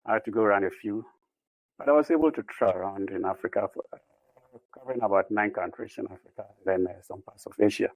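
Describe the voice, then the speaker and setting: A man from Ghana, a podcast guest giving a steady, plainly told account of his life. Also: lowish voice, quick pace, dry recording, narrow, tinny audio. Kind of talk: conversational self-introduction.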